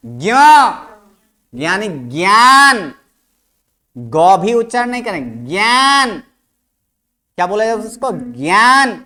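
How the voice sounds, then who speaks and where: This mid-range voice belongs to a teacher leading a language lesson online. The class is asked question after question, and every sound gets repeated aloud as a pronunciation drill.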